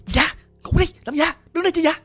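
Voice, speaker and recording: Woman storyteller doing a brusque old grandmother, scolding in short bursts, slightly high voice. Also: expressive, no room sound. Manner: scolding, brisk questions.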